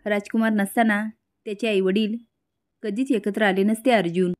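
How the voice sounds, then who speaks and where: A woman reading the lines of a calm, devoted young wife and mother, soft-spoken and gentle. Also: medium pitch, moderate pace, close to an everyday voice.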